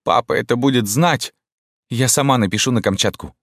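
A man reading an audiobook voices a proud, hot-tempered young daughter who turns shrill and sharp. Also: sing-song, moderate pace, dry recording, clean studio sound. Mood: hysterical, shouting.

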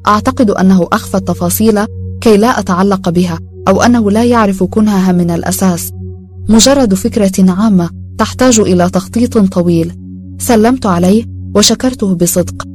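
Fast-reading woman narrator. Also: medium pitch, a little mellow, faint music behind. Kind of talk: audiobook narration.

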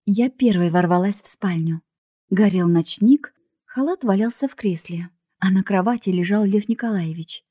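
A woman reads a first-person story aloud with lively expression. Her tone is dark and mellow, and the recording is dry and close. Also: medium pitch, moderate pace, no echo. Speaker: audiobook narrator. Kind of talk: first-person audiobook narration.

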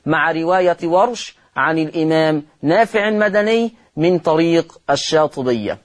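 Male host of a recitation lesson, Egyptian accent, fairly high voice, repeats terms and draws out words to demonstrate. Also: lively intonation, normal speed. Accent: Egyptian Arabic. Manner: quizzes listeners with repeated rhetorical questions. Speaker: Quran recitation teacher, show host. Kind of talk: televised Quran recitation lesson.

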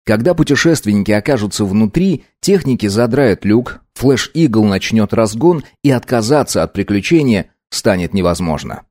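A man narrating an audiobook in a measured, even manner. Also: fairly low pitch, no room sound, studio quality. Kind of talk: scripted narration.

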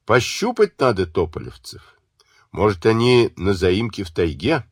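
A man's voice: fairly low pitch, sing-song, a little slow, husky, dry recording, clean studio sound, exaggerated voice. A man voicing a blunt, matter-of-fact revolutionary chairman. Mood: plain. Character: steady, tall village revolutionary chairman.

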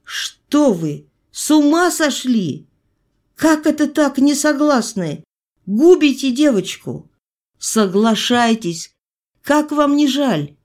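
A woman's voice: medium pitch, sing-song, normal speed, a little mellow, voice pushed up. A woman voicing a tense young male country doctor who urges and commands. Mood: urgent. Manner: urgent, insistent pleading.

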